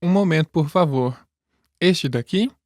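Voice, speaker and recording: A woman's voice: sits low, animated, measured pace, a little mellow, no echo, clean studio sound, pitched below the performer's own voice. A woman voicing a polite male bookstore clerk in a scripted listening-quiz dialogue. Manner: courteous, brief service replies.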